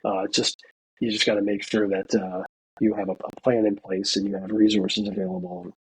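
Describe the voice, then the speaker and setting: Husky-voiced man telling a story. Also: fairly low pitch, little pitch movement, brisk, low-quality recording. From United States. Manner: chatty, lots of "you know" fillers, acts out quoted dialogue. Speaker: interview guest, veteran student. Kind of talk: casual interview storytelling.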